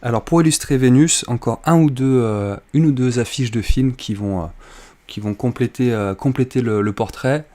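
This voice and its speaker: A man's voice: medium pitch, normal speed, dark tone. Light-hearted male host. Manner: light-hearted, jokes about himself. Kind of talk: casual interview talk.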